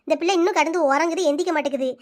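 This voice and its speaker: A woman's voice: very high voice, rapid-fire. A woman voicing a worried, scolding middle-aged village mother in a cartoon, grumbling to herself. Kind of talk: cartoon voice-over.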